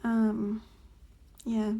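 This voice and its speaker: A woman's voice: on the high side, completely flat delivery, very slow, creaky, dark tone. A young woman chatting casually while planning, rambling with many fillers and sometimes dropping to a whisper. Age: young adult. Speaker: planner vlogger. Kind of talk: casual plan-with-me chat.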